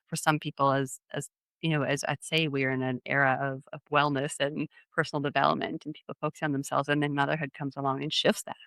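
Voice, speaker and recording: A woman's voice: extremely low pitch, flat delivery, fast, gravelly, fairly bright tone, no room sound, studio quality. A woman coach as interview guest, speaking earnestly and affirming the host. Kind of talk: conversational interview.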